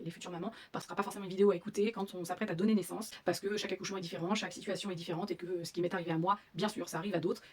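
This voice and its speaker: A woman's voice: medium pitch, husky. A young woman telling her own story as a mother, hesitant, with many fillers and restarts. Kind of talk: personal testimony.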